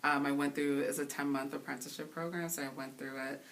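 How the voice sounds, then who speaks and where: Interview guest: woman DJ in her 30s from Haiti, unusually deep voice, earnest and reflective, recorded a little off-mic with light hiss. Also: flat delivery, a bit bright. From Haiti, raised in the Bronx. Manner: thoughtful, earnest, pausing to find words. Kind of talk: casual interview. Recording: voice somewhat distant from the mic, faint hiss.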